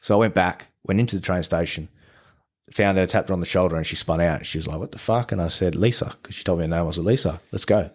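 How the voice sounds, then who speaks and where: A man's voice: sits low, quick pace. An Australian man, a podcast guest, telling stories in casual chat, swearing freely and acting out what people said. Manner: swears freely, animated retelling of conversations. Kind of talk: casual storytelling.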